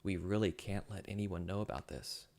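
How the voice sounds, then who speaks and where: A man's voice: low-pitched, fairly even intonation, normal speed, a little mellow. A man voicing Phil, a curious boy explorer who treats the adventure like a game, read in a plain, matter-of-fact way.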